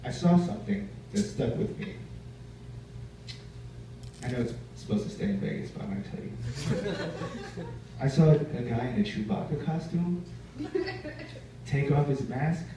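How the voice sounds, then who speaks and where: A male stand-up comic tells his stories in a lively, up-and-down voice, slipping into the voices of the people he meets. He is heard from a distance in a very echoey cafe venue with clear noise around him. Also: a little high, measured pace, pauses often. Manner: storytelling with acted quotes of other people. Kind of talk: stand-up routine. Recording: very echoey room, distant mic, noisy ambience.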